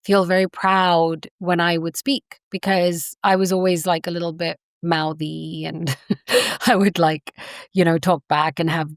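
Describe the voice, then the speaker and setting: An Englishwoman appears as an academic guest in a conversational interview, earnest and impassioned, often leaning on "you know." Her low voice turns gravelly with fry at phrase endings, with little pitch movement and a measured pace. The sound is close and dry, with no echo.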